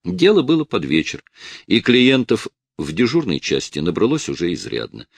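Low-voiced male audiobook narrator. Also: huge pitch swings, moderate pace, vocal fry, no echo. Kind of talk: scripted narration.

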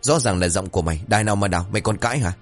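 A man's voice: on the low side, racing, faint music behind, natural voice. A man voicing a big, hot-tempered young villager who threatens the pranksters. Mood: furious. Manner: angry and threatening.

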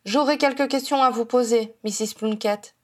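Woman reading a calm, firm police chief. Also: a little high, normal speed, lightly acted. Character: calm, firm male head of the wizard police.

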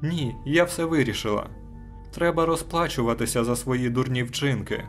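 A man voicing a weary young woman who speaks quietly and flatly, resigned to her fate, in an audiobook reading. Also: mid-range voice, moderate pace, soft background music, natural voice.

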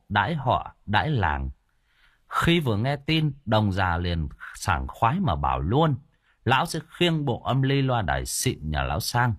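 A man narrating a comic village story in a lively, expressive way. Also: fairly low pitch, breathy edge, no echo, studio quality. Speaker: audiobook narrator.

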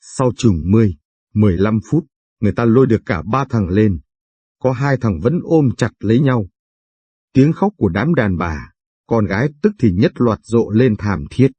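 Dark, husky male storyteller. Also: fairly low pitch, lively intonation, normal speed, dry recording. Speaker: narrator. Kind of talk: storybook narration.

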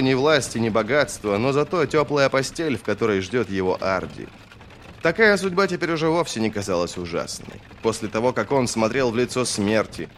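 A man narrating a fantasy novel as an audiobook in a steady, expressive reading. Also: medium pitch, slight background noise.

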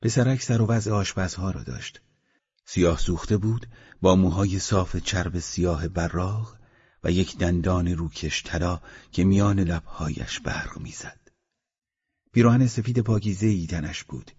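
Brief: male audiobook narrator, very deep and husky, measured reading, muffled sound. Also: darkish tone. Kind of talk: scripted narration. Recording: slightly muffled recording.

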